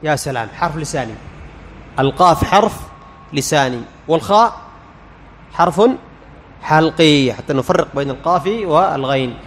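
Guy teaching recitation, quizzes the room and says the sounds out loud, faint hiss behind. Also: on the high side, expressive, normal speed, pauses often, big-room sound. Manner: quizzes listeners and answers himself, sounding out letters. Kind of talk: lecture.

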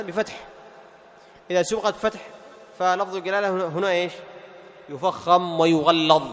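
High-voiced man teaching recitation, echoing hall. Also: fairly bright tone. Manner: asks and answers his own questions, recites examples slowly. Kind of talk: tajweed lesson with recited examples. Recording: long hall reverb.

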